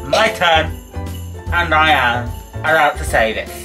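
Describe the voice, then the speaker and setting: A man in his twenties chatting casually during a game, teasing and excitable. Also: fairly high pitch, a little slow, over music. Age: 20s. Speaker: vlogger playing a party game. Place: small living room indoors. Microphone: camera mic a short distance away.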